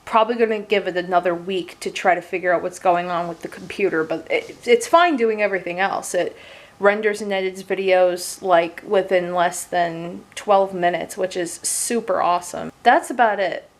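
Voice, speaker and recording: A woman's voice: on the low side, normal speed. A woman in her late twenties giving a casual, rambling monthly update vlog from her couch as a gaming streamer. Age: 20s. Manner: chatty and rambling, with frequent fillers and casual swearing. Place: at home on a couch.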